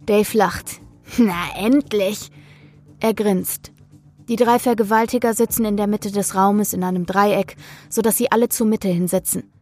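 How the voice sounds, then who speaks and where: A woman reading a first-person horror story in a measured, brooding narrating voice. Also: medium pitch, steady tone, darkish tone, soft background music.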